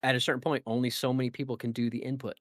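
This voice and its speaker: A man's voice: mid-range voice, fast talker, dry recording. A man chatting on a gaming podcast in a middle-range voice. He rambles and restarts his sentences, full of "like" and "you know". The mic is close and dry, with no room sound. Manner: rambling, animated, many fillers and restarts. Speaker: podcast co-host. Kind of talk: casual gaming podcast chat.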